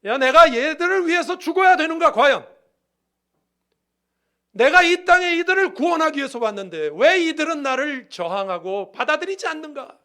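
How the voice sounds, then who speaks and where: A pastor acting out Jesus in a loud, strained, pleading lament. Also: male voice, very high-pitched, very animated, normal speed, pitched above the performer's own voice, full character voice. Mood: anguished lament. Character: anguished Jesus lamenting as a grown man.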